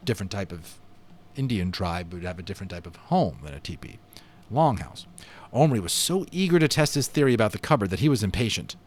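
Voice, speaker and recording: Reading a children's book aloud, this amateur voice actor uses a lowish, sing-song voice and moves a little fast. His delivery is lively and theatrical, broken up by casual asides.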